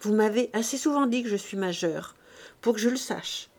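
A woman voicing a calm, defiant young daughter who answers coldly and firmly, in an audiobook reading. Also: mid-range voice, moderate pace. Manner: quiet, cold and firm.

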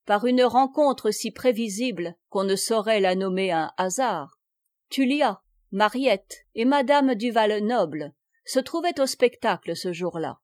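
A woman narrating a classic novel in a measured, theatrical reading style. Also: mid-range voice, lively intonation, a little mellow, no echo, studio quality. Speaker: audiobook narrator.

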